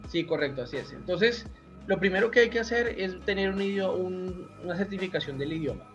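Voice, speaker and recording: A man's voice: high voice, animated, fairly quick, fairly bright tone. A Colombian man, a doctor, talking casually in an interview, rambling with many restarts and asides. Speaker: guest doctor. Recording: slightly dull audio with faint music.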